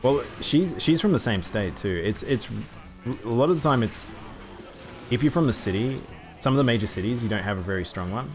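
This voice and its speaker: A man's voice: medium pitch, animated, a little fast, faint music behind. A man with a mild Australian accent, chatting casually while streaming a game. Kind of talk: casual gaming chat.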